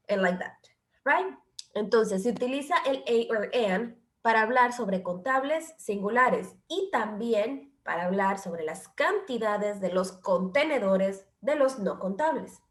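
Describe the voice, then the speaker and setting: A woman's voice: fairly high pitch, a bit bright. Woman teaching English grammar, echoey room. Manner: explains slowly, switching between Spanish and English, checks understanding. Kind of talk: bilingual grammar lesson.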